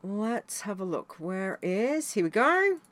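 A woman's voice: mid-range voice, big pitch swings, slow pace, a bit bright, no room sound. A woman hosting a show in casual chat, often repeating her phrases for emphasis. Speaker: show host.

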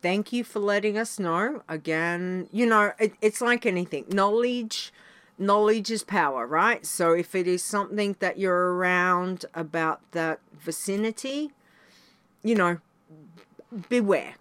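A woman's voice: mid-range voice, unhurried, fairly bright tone, clean tone, dry recording. A woman hosting a show in casual chat, often repeating her phrases for emphasis. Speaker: show host.

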